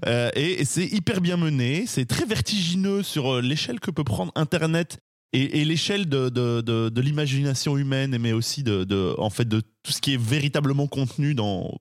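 A podcast host with a mid-range, animated voice chats casually at a normal pace about a favorite video he enjoys. He sounds amused yet hesitant, full of "euh" and restarts, recorded at studio quality with no echo.

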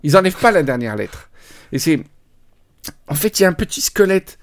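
A man hosting a podcast, chatting casually and telling an animated story, imitating how place names are pronounced. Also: fairly high pitch, a little fast. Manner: animated storytelling, mimics pronunciations. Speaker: podcast host. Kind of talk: casual chat.

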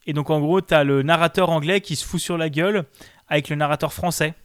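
Man, slightly high voice, dry close sound, enthusiastic, rambling game chat. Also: steady tone, fairly quick, clear, resonant tone, dry recording. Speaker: game show co-host. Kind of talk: casual chat about video games.

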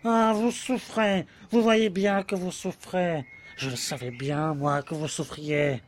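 A man's voice: fairly high pitch, fairly even intonation, slow pace, a little hiss or hum. A man playing an adoring, anxious young lover in an amateur audio drama, talking tenderly and pressing for answers. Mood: pleading. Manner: tender, pleading, insistent. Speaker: voice actor.

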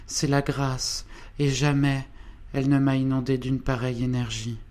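Une jeune femme pieuse et résignée, lue par un homme, d'une voix de hauteur moyenne, douce et implorante, dans un livre audio. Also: male voice, medium pitch, completely flat delivery, normal speed, a little mellow, natural voice. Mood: fervent. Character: frail young woman, devout and resigned.

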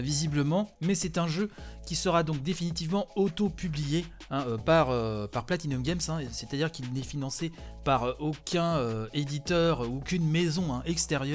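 Chatty man hosting a gaming news show. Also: fairly high pitch. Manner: chatty, many "hein" and "euh" fillers. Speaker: gaming news podcast host. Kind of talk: casual news commentary.

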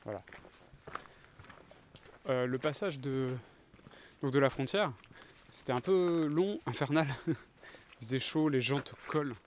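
A man from France, co-host of a travel podcast, telling travel anecdotes in a relaxed, casual chat. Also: mid-range voice, unhurried, pauses often, slight background noise.

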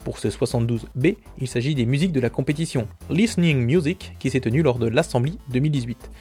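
A man's voice: medium pitch, fast talker, warm tone, breathy edge, faint music behind. A man hosting a podcast, running through a casual news roundup with chatty, self-mocking asides and frequent fillers. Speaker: podcast host.

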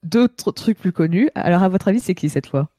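A woman in her twenties with a hoarse, cracked, gravelly voice from a slight cold, chatting casually on a panel. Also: lowish voice, animated, moderate pace, dark tone, no room sound. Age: 20s. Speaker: podcast panelist reading out reviews. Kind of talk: casual chat.

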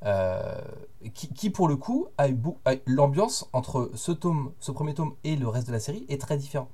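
A man co-hosting a podcast, explaining his view in measured casual chat with hesitant fillers. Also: mid-range voice, very animated, mellow, husky. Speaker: podcast co-host.

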